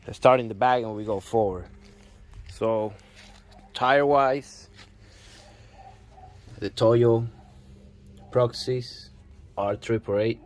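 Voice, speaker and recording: A young Puerto Rican man, a native Spanish speaker with the island's accent, walks around his pickup truck outside and explains it casually, stopping to search for words and restarting often. He speaks at medium pitch with fairly even intonation, over slight background noise.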